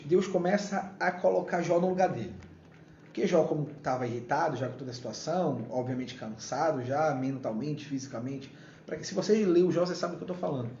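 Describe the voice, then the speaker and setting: A man talks in a casual devotional style, lively and playful, acting out biblical scenes in voices. His voice is fairly high and mellow. The recording sounds roomy and a little dull, with faint noise behind him. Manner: animated, playfully acting out Bible dialogue. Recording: echoey room, dull low-fi sound.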